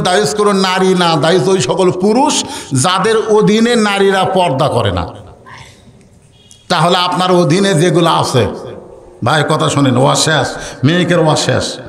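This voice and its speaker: Guy preaching a waz, high voice, big echoey hall w long reverb, acts out the stories. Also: expressive, moderate pace. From Bangladesh. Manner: dramatic storytelling, acting out quoted voices, calls to the crowd. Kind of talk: Bengali waz sermon.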